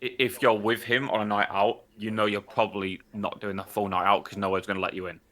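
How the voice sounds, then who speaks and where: Bright, forceful, lowish-voiced man. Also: little pitch movement, fast talker. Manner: blunt, sweary. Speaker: host. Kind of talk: casual banter on a livestream.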